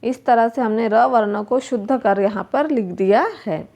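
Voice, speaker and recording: A woman teaching a school lesson, speaking slowly and repeating words as she asks her pupils questions. Her voice sits a little high and has a gravelly edge. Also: darkish tone. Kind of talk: workbook lesson explanation.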